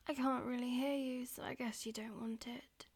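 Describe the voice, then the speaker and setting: A woman voicing a dominant, teasing female demon in an audio roleplay, speaking mostly in breathy, domineering whispers. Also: a little high, fairly even intonation, normal speed.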